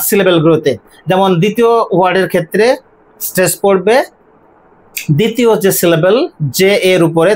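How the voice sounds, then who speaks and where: An English teacher gives an online lesson, asking questions and then repeating each word slowly to drill its pronunciation. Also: mid-range voice. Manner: poses questions to the viewer, then answers them.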